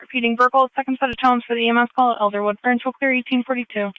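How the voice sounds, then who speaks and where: A female emergency dispatcher on ambulance radio speaks with a flat, even delivery and clean, clear tone. She uses clipped procedural phrasing, heard through a slightly muffled scanner feed. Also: on the high side, very fast. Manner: clipped, procedural, repeats callouts in set phrases. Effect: two-way radio.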